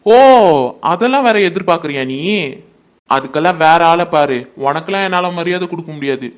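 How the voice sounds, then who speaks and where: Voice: mid-range voice, expressive, brisk, smooth, close to an everyday voice. A performer voicing a feisty young woman in a cartoon who mocks and defies an old neighbour. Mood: defiant mocking. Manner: mocking, defiant.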